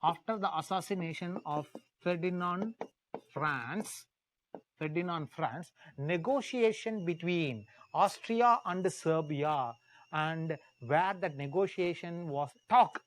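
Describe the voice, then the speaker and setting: In this live classroom lecture, an Indian-accented male teacher recounts history like a dramatized story, repeating key phrases with emphasis and questioning the class. His voice is on the high side and he takes it slowly, on a rough recording with slight background noise.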